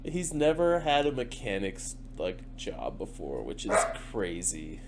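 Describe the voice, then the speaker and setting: A man's voice: on the low side, wildly swooping pitch, a little slow, very noisy. A young man co-hosting a podcast, telling work stories in casual, profane chat and laughing often. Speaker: podcast co-host.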